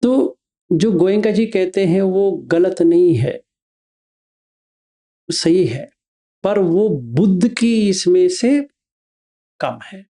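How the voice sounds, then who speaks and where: A man teaching meditation, explaining the practice slowly, step by step. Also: high-pitched, warm tone. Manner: slow, step-by-step instruction.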